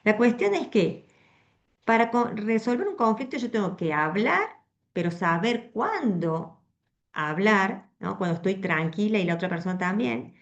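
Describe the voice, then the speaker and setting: Rioplatense lady preaching to a women's group, chatty and expressive, muffled lo-fi sound. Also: medium pitch, a little slow. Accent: Rioplatense Spanish. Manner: conversational, frequent tag questions, expressive. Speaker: women's meeting speaker. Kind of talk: Bible teaching to a women's group.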